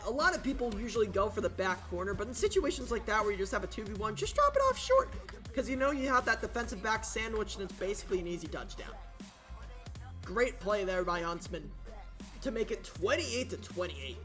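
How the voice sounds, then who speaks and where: A man calling a video game football match play by play, casual and excitable, his voice jumping up on big plays. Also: high-pitched, brisk, faint music behind. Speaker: play-by-play commentator. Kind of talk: esports football commentary.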